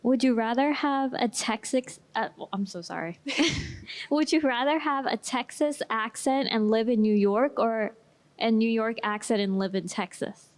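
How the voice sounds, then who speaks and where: A woman on a podcast reading out would-you-rather questions in a light, quick, casual way. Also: on the high side, steady tone. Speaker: podcast host asking questions. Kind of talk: casual chat.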